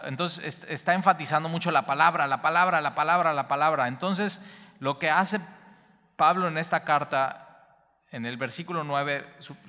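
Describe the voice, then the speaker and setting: A man's voice: a little high, bright, forceful tone, big-room sound. A man preaching a Bible teaching sermon, speaking straight to the listener and repeating key phrases for emphasis.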